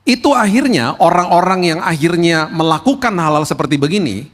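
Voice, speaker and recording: Pastor pria, khotbah santai, suara agak tinggi, gema ruang ibadah yang panjang. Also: male voice, a little high, expressive, normal speed, fairly bright tone. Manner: conversational preaching, acts out congregants' pleas. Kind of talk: sermon. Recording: long reverb of a church hall.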